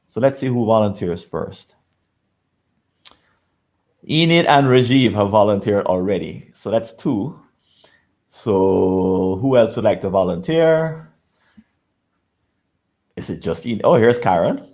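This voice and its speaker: A man facilitating an online workshop, talking briskly and encouragingly and laughing often. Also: fairly low pitch, darkish tone. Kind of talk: casual online workshop hosting.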